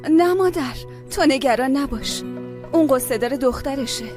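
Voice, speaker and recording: Dubbed drama: actress as a grieving daughter, high, tired, sorrowful. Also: female voice, over music, close to an everyday voice.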